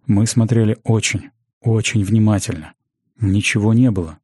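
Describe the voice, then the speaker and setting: A man's voice: fairly low pitch, normal speed, a little mellow, husky, no room sound, clean studio sound. A man reading an earnest young male apprentice who speaks apologetically to his teacher. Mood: apologetic.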